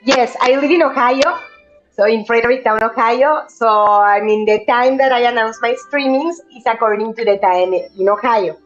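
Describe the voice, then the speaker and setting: Soft music plays behind a talkative Mexican streamer, a native Spanish speaker, as she reads game text aloud and greets her viewers by name in casual gameplay chat. Her voice is fairly high, her pace moderate, and the highs are cut off.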